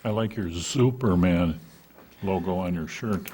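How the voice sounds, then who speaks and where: Low-voiced man chairing a council meeting. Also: a little slow, mellow, breathy edge. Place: council chamber.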